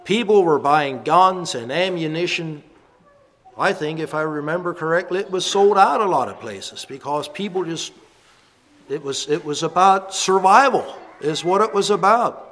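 A man's voice: on the high side, lively intonation, moderate pace, fairly bright tone. Reflective middle-aged male minister. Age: 50s. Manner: reflective, reminiscing storyteller. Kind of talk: sermon.

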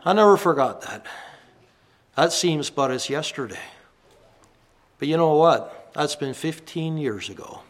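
A man in his fifties preaches a Sunday-morning sermon in a voice pitched a little high. He talks in a reflective way and reminisces like a storyteller as he leads his congregation. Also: a bit bright. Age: 50s. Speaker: minister.

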